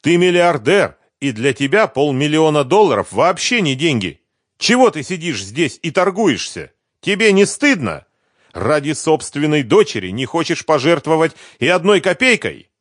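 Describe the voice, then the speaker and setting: A man voicing a hysterical ex-wife who shrieks accusations in a high, strained voice. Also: very animated, moderate pace, fairly bright tone, dry recording, clean studio sound. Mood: scolding. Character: shrill hysterical ex-wife, woman, screaming.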